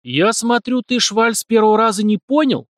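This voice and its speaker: A man's voice: high-pitched, lively intonation, normal speed, no echo, studio quality, pitched above the performer's own voice. A man doing a scornful young nobleman. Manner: scornful, snapping. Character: young male nobleman, arrogant and menacing.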